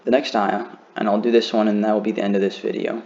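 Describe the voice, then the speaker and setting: Male teacher, low voice, slow careful beginner lesson, muffled recording. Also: little pitch movement, gravelly, a little mellow. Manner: slow, careful demonstration of pronunciation.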